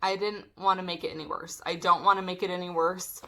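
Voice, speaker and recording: A young woman vlogger telling a storytime, animated and swearing as she acts out what people said. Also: on the low side, brisk. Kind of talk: storytime vlog.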